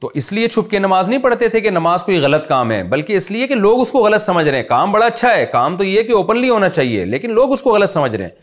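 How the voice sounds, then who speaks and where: A man's voice: high-pitched, sing-song, fast, hardly any pauses. A man with a Pakistani Urdu accent answering listeners' religious questions in a conversational way, explaining with examples. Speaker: Islamic scholar answering questions.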